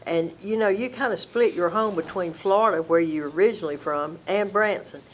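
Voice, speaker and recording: Low-voiced woman asking calm questions. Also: fairly quick. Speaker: interviewer. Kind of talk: interview questions.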